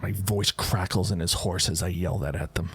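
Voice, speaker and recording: A man's voice: low voice, normal speed, fairly bright tone, slightly rough. A man playing a tabletop game, narrating his character's actions theatrically. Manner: theatrical, describes actions with flair. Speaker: player. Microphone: online voice chat.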